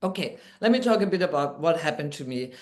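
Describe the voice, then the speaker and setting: A woman's voice: low voice, expressive, fast. A woman with a German accent, a guest on a podcast, telling her story in an upbeat way. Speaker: guest, midwife and NLP trainer. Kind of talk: podcast interview.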